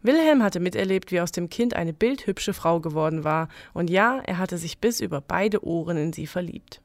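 Woman calmly narrating a legend. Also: fairly low pitch, normal speed, dry recording, clean studio sound. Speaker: storyteller.

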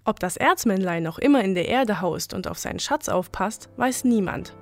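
A woman calmly narrating a folk tale as a scripted story. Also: mid-range voice, normal speed.

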